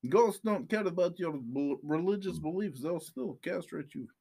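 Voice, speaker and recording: A young man co-hosting a podcast in casual chat, joking, swearing and laughing loudly. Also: sits high, lively intonation, normal speed, vocal fry, breathy edge. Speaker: podcast co-host.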